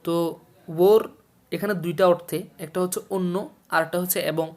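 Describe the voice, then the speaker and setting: A male language teacher from Bangladesh talks through a textbook lesson at a steady, patient pace. He says each new word, gives its meaning, repeats both, and keeps asking his viewers questions to check they follow. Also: high-pitched. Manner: explains slowly, repeats words and meanings, quizzes the listener. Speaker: Urdu teacher. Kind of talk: textbook lesson for a video series.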